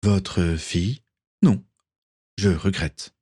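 A man voicing a smug, cold ship captain who speaks slowly and politely with a hidden threat. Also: deep voice, warm tone, breathy edge, dry recording, studio quality, exaggerated voice. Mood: coolly polite.

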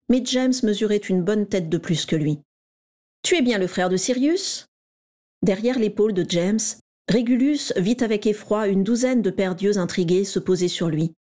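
A woman reading a story aloud in a steady, even storytelling manner. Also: mid-range voice. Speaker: narrator. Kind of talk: scripted story narration.

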